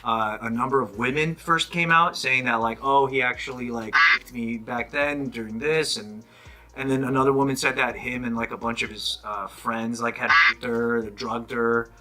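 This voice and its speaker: A man's voice: mid-range voice, fairly even intonation, normal speed, bright, forceful tone. A man retelling a story in casual chat, hesitant and full of fillers.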